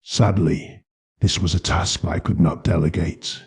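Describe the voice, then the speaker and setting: A man narrating a scripted horror story in the first person, with a slow, grave storytelling manner. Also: deep voice, steady tone, darkish tone, husky.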